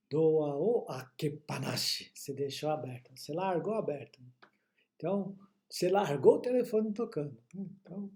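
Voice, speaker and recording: A man's voice: a little high, warm tone. A man with a Brazilian accent teaching Japanese in an online lesson, explaining patiently and often checking that listeners follow. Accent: Brazilian Portuguese.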